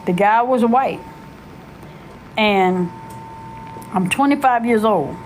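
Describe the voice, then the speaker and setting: A middle-aged woman telling her life story in a casual, animated, slangy way, often searching for words. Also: mid-range voice, takes it slowly, slight background noise.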